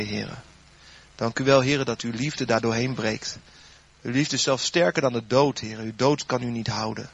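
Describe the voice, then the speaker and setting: A man delivers a sermon and then leads a spoken prayer, his medium-pitched voice swelling loud and sinking soft. The recording is muffled.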